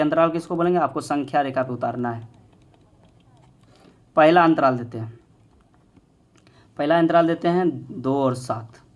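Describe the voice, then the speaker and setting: Man, higher voice; playful teasing math teacher who drills by repetition. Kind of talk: online classroom lesson.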